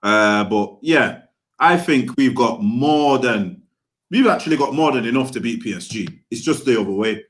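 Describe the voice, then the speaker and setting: A man's voice: medium pitch, animated, normal speed. Slangy London roadman man, opinionated co-host. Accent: London, roadman-style street slang. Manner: slangy, opinionated, repeats tag phrases like a street chat. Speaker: podcast co-host. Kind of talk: casual football fan banter.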